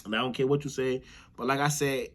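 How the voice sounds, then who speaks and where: Speaking quickly at a medium pitch with a steady tone, an American YouTuber shares casual opinions. He leans on repetition for emphasis and often asks the listener "you know what I'm saying."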